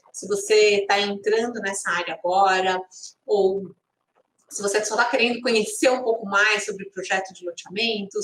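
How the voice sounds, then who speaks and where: A woman's voice: a little high, a bit bright, a little hiss or hum. A Brazilian woman hosting an informal explanatory live stream, speaking conversationally with frequent tag questions. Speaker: live stream host and instructor. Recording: echoey room sound.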